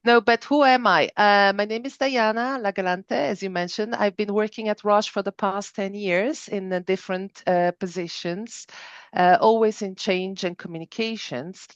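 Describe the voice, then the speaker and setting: A woman's voice: medium pitch, normal speed, no echo, lo-fi sound. A middle-aged woman from Switzerland and southern Italy, an earnest podcast guest who talks with many fillers and restarts. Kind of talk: conversational interview.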